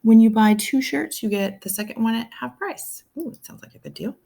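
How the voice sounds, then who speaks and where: A woman's voice: on the high side, a little fast, creaky, warm tone. A woman teaching a recorded math lesson, thinking aloud step by step and checking in with viewers.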